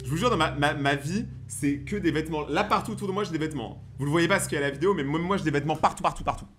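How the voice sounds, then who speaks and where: A man's voice: fairly high pitch, very fast, a bit bright, soft background music. A young man giving casual, slangy, joking running commentary as he reacts to horror footage. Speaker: reaction video host.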